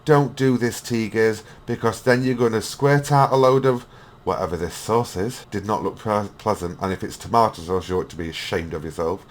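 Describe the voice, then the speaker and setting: A man's voice: fairly low pitch, moderate pace. A man hosting a reaction video, mocking and swearing as he rants. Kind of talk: ranting reaction commentary.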